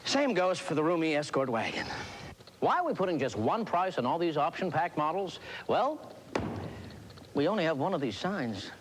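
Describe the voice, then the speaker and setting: A man's voice: fairly high pitch, big pitch swings, moderate pace. A man reading a car commercial, listing features with upbeat emphasis, heard from a worn tape copy. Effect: worn VHS tape copy. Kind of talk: scripted ad voice-over. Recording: noisy worn VHS tape.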